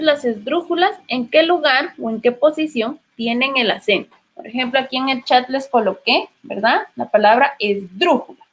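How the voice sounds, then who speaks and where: Woman, Guatemalan Spanish accent, literature teacher, online class, higher voice, patient questions. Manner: patient, prompting students with questions.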